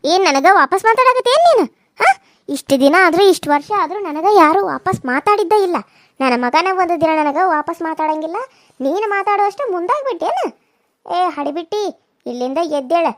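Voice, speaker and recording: A woman voicing a domineering older village mother-in-law, who scolds and taunts slowly. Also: extremely high pitch, big pitch swings, a bit bright, no room sound, studio quality, heavily acted. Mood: scolding. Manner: scolding, insulting, drawn-out taunts. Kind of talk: cartoon voice acting.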